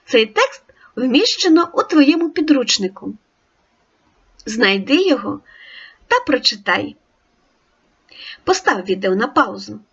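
A woman teacher giving a recorded reading lesson to young children, with clear, encouraging instructions. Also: a little high, very animated, slow pace, pauses often, a bit bright, dull audio. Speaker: primary school teacher.

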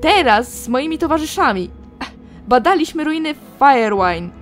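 Woman voicing a frantic game madwoman, high shrill voice, pleading and raving at volume. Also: big pitch swings, moderate pace, soft background music. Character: frantic madwoman clutching a cursed jar.

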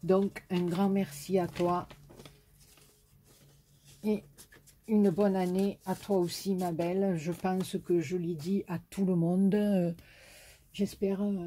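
A YouTuber with a southern French accent chats to camera while showing greeting cards she was sent, effusive and full of fillers. Her lowish voice is mellow with a breathy edge, flat in delivery and slow.

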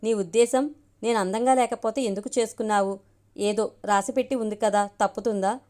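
A frank, caring young wife in a spoken storybook, which a woman reads out in her own voice. the voice sits at an ordinary middle pitch and talks plainly, like everyday conversation. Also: steady tone, brisk, mellow, lightly acted. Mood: teasing.

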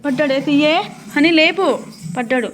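A woman's voice: sits high, normal speed. A young woman with a Telangana Telugu accent, filming a casual home vlog, coaxing her children to take medicine and repeating herself again and again. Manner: coaxing, repeats words over and over. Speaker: vlogger mother.

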